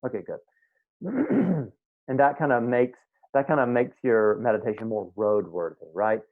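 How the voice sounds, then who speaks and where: A man teaching meditation online speaks in an animated, medium-pitched voice, a little on the slow side. The video-call audio is tinny, like a phone line, and his relaxed teaching style includes frequent checks that everyone is keeping up.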